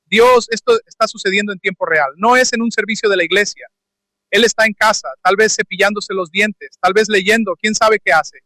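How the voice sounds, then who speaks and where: A man with a high, bright voice preaches a lively sermon in a church. He asks the congregation questions and gives the figures he reads their own voices. His mic sound is close and dry. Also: moderate pace, dry recording, poor audio. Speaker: pastor. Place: church sanctuary. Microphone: handheld or stand microphone.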